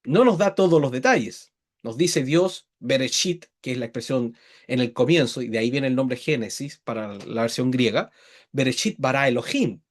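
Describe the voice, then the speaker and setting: A man teaching a Bible lesson online, explaining patiently and checking in often with quick tag questions. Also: mid-range voice.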